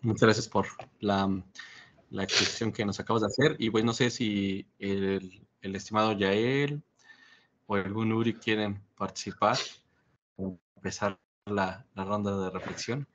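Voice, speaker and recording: A man's voice: on the low side, fairly even intonation, a little slow, a bit bright. A man moderating a seminar, polite and a little hesitant. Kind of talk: formal moderating. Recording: lo-fi call audio with faint noise and clicks.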